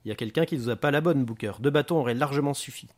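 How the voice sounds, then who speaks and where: A man doing a calm, dry police detective. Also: medium pitch, racing, close to an everyday voice. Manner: calm and understated. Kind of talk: audiobook reading.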